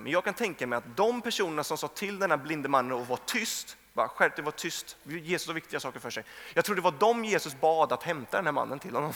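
A man's voice: a little high, fairly bright tone. A man in his thirties, a pastor, preaching a conversational sermon and acting out the voices in his stories. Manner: conversational storytelling, acts out quoted voices. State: tired from little sleep. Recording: long reverb from a hall.

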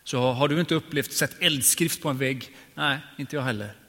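Male pastor preaching, crisp bright tone, personal storytelling, reverberant church hall. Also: mid-range voice. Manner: personal storytelling, shifting between hushed and emphatic. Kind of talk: sermon.

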